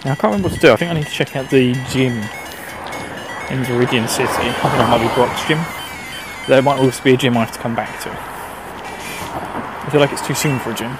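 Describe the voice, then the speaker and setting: A male gaming host with a mild Essex English accent and an average-pitched voice. He rambles casually through his commentary, chatting to himself as he plays. Music runs clearly behind him. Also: a little fast, long pauses, poor audio. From Essex, England. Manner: chatty, talking to himself while playing.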